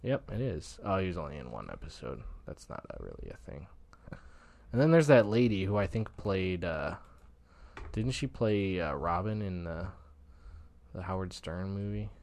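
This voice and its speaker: A man's voice: low voice, sing-song, normal speed, gravelly, a little mellow. A man co-hosting a podcast, chatting casually and joking as he riffs on movies and TV. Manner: joking, playful, riffing. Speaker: podcast co-host. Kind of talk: casual chat over beers.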